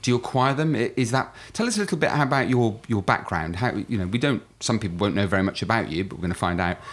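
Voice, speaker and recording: A man's voice: lowish voice, expressive, fast talker. A man hosting a podcast, reading an upbeat intro and then putting questions to his guest. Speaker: podcast host.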